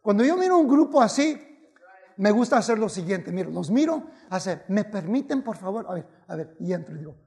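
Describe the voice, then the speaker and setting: Gravelly high-voiced preacher, slow delivery. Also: male voice, expressive. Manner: switches between Spanish and English, exclaims and shouts at peaks. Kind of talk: bilingual sermon to youth.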